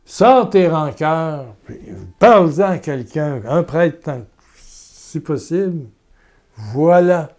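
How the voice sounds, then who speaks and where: Earnest and repetitive, a slightly high-voiced man with a Québécois French accent delivers a sermon and leads a guided prayer. He swings from loud exhortation down to quiet murmuring.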